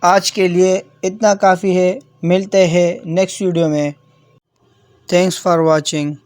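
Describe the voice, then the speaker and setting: A woman's voice: fairly low pitch, little pitch movement, darkish tone. A woman from Pakistan giving an online language lesson, patiently repeating key words and addressing viewers as friends. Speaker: Korean language teacher.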